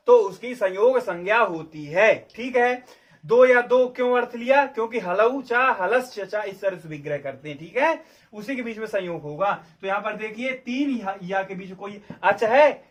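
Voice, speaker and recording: A man teaching Sanskrit grammar at a board, repeating each point and asking his students whether it is clear. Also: high-pitched. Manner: repeats key points and checks understanding, asking questions aloud. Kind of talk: explaining at a board.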